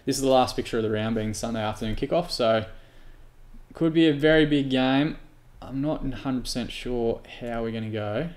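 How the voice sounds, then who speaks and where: Man, football game commentary, frustrated, sweary, mid pitch. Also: normal speed, darkish tone. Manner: frustrated, sweary, exasperated outbursts. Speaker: gaming YouTuber.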